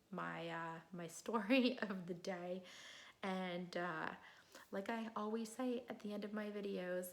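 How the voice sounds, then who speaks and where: A woman's voice: lowish voice, a bit bright. A middle-aged woman telling an earnest story in a casual home vlog, chatty with many fillers. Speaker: vlogger.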